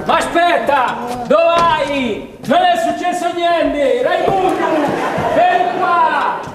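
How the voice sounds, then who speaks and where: A man's voice: extremely high pitch, a little slow, over loud music, over a noisy crowd. A man playing a flustered father of the house in a dialect stage comedy, with a Macerata accent. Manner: flustered, fussing. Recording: distant, echoey, noisy stage.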